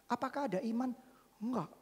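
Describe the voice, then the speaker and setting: High-voiced pastor booming in a hall. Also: male voice, a little fast, slightly rough. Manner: dramatic, jokey, swings from shouts to whispers. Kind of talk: sermon with personal story. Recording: long reverb of a church hall.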